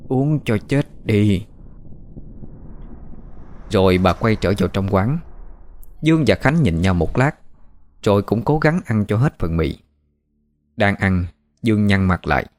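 Guy reading a horror story, low voice, very lively, dry close sound, faint music behind. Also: dry recording. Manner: expressive, dramatic reading.

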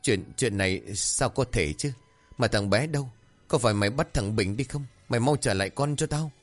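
A man's voice: mid-range voice, expressive, normal speed, soft background music, natural voice. A man voicing a frightened village father who recounts events and pleads urgently. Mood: panicked. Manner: urgent, panicked.

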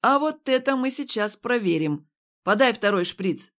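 A woman's voice: a little high, lively intonation, moderate pace, a bit bright, pitched above the performer's own voice. Storybook role: a woman reading a hard, commanding young man. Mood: harsh, commanding. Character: tough commanding young man, first-person hero.

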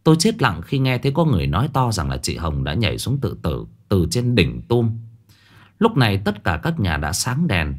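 A man's voice: fairly low pitch, huge pitch swings, normal speed. A man narrating a first-person horror story in a dramatic, tense way. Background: faint music.

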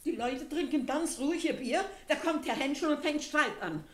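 An indignant innkeeper's wife. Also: female voice, high-pitched, normal speed, a bit bright, echoey room.

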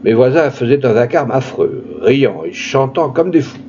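A man reading a classic story aloud in an expressive literary style, with dramatic emphasis. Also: moderate pace, lo-fi sound, slight background noise. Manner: dramatic, shifting pitch for emphasis.

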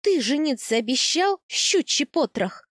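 A woman's voice: high voice, sing-song, measured pace, no echo, studio quality, voice pushed up. A woman voicing a blunt, hot-tempered young woman warrior who mocks and demands answers. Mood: mocking. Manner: sharp, mocking, demanding.

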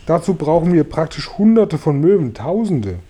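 A man reading a storybook aloud, voicing a sharp, excitable old grasshopper. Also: a little high, normal speed, breathy edge, pitched above the performer's own voice. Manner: sharp, eager.

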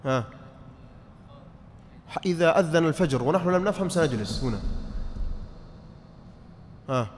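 A man's voice: on the high side, expressive, normal speed, long pauses. A man teaching a mosque lesson on inheritance law, quizzing his students, repeating points and checking that they follow. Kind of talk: mosque study-circle lesson. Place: large mosque hall. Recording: reverberant mosque hall, faint noise.

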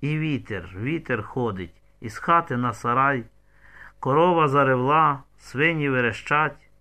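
A man's voice: medium pitch, measured pace, bright, forceful tone. A man narrating an audiobook with intense storytelling.

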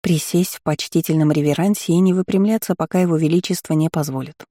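A man reading an audiobook voices a nervous, grateful young heroine with a softly raised pitch. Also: fairly even intonation, fast, dry recording, clean studio sound, close to an everyday voice.

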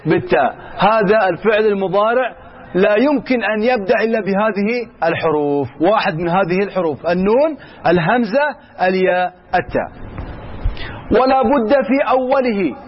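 High-voiced male grammar teacher. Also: normal speed, slightly rough. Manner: asks students questions and answers them himself; mixes colloquial Arabic with formal Arabic. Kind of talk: classroom lesson. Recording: slightly dull, with faint room noise.

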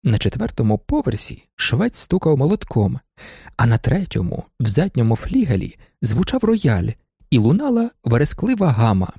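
A man's voice: mid-range voice, sing-song, moderate pace, vocal fry, mellow, breathy edge, dry recording, studio quality. A man narrating a novel as an audiobook, telling the story expressively. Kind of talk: scripted narration.

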